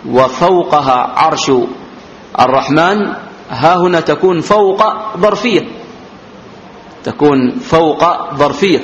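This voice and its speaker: A man from Yemen giving a religious text-commentary lesson, speaking slowly and deliberately and repeating words for his students. His voice rises when he reads the quoted text aloud. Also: on the high side, a little hiss or hum. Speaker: religious teacher. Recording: roomy hall echo, dull lo-fi sound.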